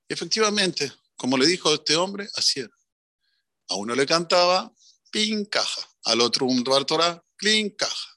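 A man with an Argentine accent, a religious teacher giving an animated storytelling sermon. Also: fairly high pitch, no echo, studio quality. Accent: Argentine Spanish. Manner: animated, swings between voices.

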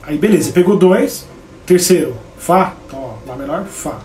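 A Brazilian man with a Brazilian Portuguese accent teaches guitar on a live stream, chatting casually and greeting viewers by name while he plays. His voice is fairly high, expressive and darkish, at a moderate pace. Guitar playing fills an echoey room.

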